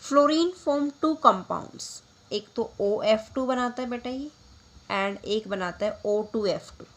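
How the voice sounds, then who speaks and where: Slow-paced woman teaching chemistry. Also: a little high. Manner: slow, deliberate, repeats key terms, addresses students as beta. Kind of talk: classroom lecture mixing Hindi and English.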